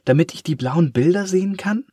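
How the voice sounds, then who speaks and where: A man voicing a small, curious ink blot with a high, eager, questioning voice in a storybook. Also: brisk, mellow, slightly rough, no echo, clean studio sound. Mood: timid.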